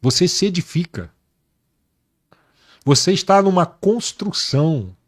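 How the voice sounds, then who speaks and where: A male pastor giving his personal testimony in an interview, speaking earnestly and slowly with emphatic repetition. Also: high voice, expressive, breathy edge. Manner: earnest, slow and emphatic, repeating words for weight.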